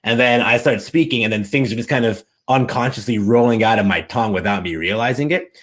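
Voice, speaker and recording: Speaking a little fast at medium pitch, this man from the United States is a language coach being interviewed. He's an animated storyteller, relaxed and full of enthusiasm.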